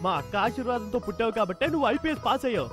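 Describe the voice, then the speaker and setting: An actor playing a cheeky, loud-mouthed comic uncle in a dubbed film comedy, mocking and sing-song as he teases his sister. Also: extremely high pitch, animated, racing, music in the background.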